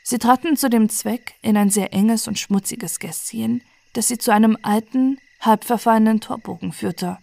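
Woman reading a bedtime fairy tale, calm and soft, mid pitch, very dry close sound. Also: creaky, dry recording. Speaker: storyteller.

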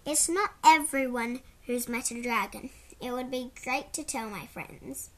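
A woman's voice: fairly high pitch, a little slow, fairly bright tone. A woman voicing a cheeky young boy in a storybook, blunt and grumbling. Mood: plain.

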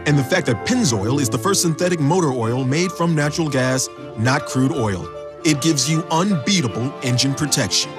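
A man giving a measured, scripted advert narration as voice-over announcer. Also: mid-range voice, animated, over music.

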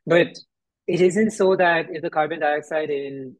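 A man's voice: fairly high pitch, dry recording, rough recording. Dry-sounding man asking questions. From India. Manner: questioning, thoughtful, slow when recalling. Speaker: podcast host. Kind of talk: casual discussion.

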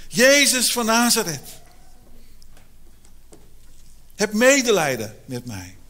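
A desperate blind beggar cries out again and again, his voice climbing high as he pleads, played by a man retelling the story. The tone is bright and piercing, loud with longing. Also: very animated, moderate pace, heavily acted. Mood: pleading shout.

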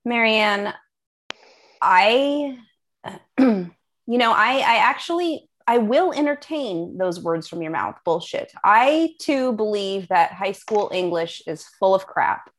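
Jaded female English teacher, played by a woman, mid-range, defensive and earnest, halting delivery, comic radio play. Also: mid-range voice, animated. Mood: wry, resigned. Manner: halting, throat-clearing, earnest warnings. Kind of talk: comedic radio-play acting.

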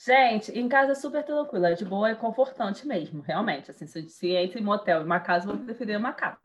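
A woman telling a personal story in casual chat, animated and slangy, laughing as she talks. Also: medium pitch, fast talker, muffled recording.

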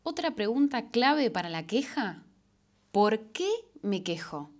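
A woman's voice: mid-range voice, very animated, takes it slowly, a little mellow, lo-fi sound. A young woman with a Rioplatense Spanish accent, chatting casually to camera about everyday habits, with lots of fillers and self-corrections. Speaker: self-help vlogger. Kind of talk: casual advice monologue.

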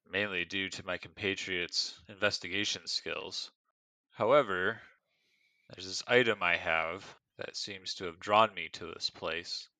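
A man's voice: low voice, pushed and bright, no echo. A man playing a tabletop game, speaking poised and formal in character. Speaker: player.

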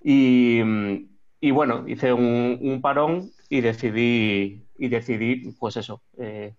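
A man in his thirties from Extremadura, Spain, speaks with that region's Spanish accent as a guest in a remote interview. His mid-range voice is slow and fairly even in intonation, with the highs cut off. He sounds hesitant, restarting often and leaning on fillers.

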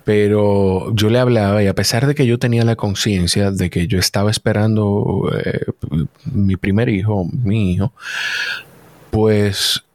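A man in his thirties, a guest in a casual chat, talking in a halting, emotional way and repeating himself. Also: lowish voice, fairly even intonation, darkish tone, no echo.

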